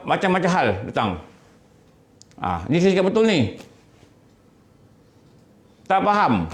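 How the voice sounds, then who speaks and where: A Malaysian man teaching as a religious teacher in an earnest sermon, dropping his voice low when he mimics temptation. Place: prayer room of a government office. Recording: echoey room.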